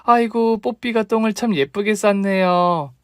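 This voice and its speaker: A meek, polite young daughter-in-law, as a male narrator puts her on, raised well above his natural pitch. She sounds hesitant and stammers at times, in a dry, close storybook reading. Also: unhurried, clear, resonant tone, no room sound.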